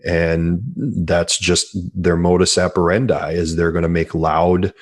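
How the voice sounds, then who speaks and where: A man in his forties, an author appearing as a guest, answers interview questions earnestly, repeating words as he begins sentences. His voice is low-pitched with little pitch movement, and he speaks a little slowly.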